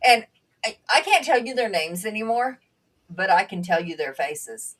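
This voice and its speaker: A former nursing assistant whose first language was Bulgarian speaks as a panel guest, earnest and reflective, with halting restarts in conversational panel talk. Her mid-range voice is animated and a bit bright, and she sits far from the mic.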